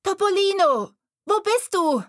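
A woman's voice: lively intonation, a little slow, a bit bright, dry recording, clean studio sound, exaggerated voice. A woman voicing a haughty young girl from a rich city family, bossy and imperious in an audiobook. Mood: calling out. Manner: bossy, imperious, shrill when calling. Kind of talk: audiobook character voice.

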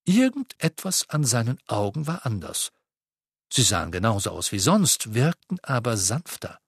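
A male audiobook narrator reads with expressive storytelling, his voice at a middle pitch. The intonation rises and falls vividly, and the recording is close and completely dry. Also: moderate pace, slightly rough, dry recording. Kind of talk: scripted narration.

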